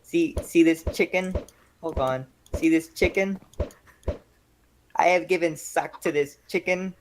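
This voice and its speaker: Low slow girl reading a scheming noble lady, flat halting amateur play read. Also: a little hiss or hum, low-quality recording. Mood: urging. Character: scheming noblewoman urging her husband on.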